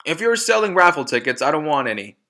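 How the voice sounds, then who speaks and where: A man's voice: on the high side, big pitch swings, fast, sharp tone, voice pushed up, exaggerated voice. A man voicing a brusque, dismissive middle-aged father in a storybook reading. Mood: irritated, dismissive. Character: gruff, curt, rude car-dealer father, middle-aged man.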